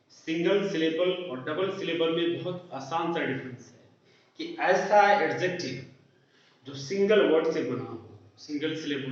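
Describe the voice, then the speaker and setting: A male English teacher giving a classroom grammar lesson, explaining slowly and answering his own questions at a board. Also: on the high side. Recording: roomy echo, distant lo-fi mic.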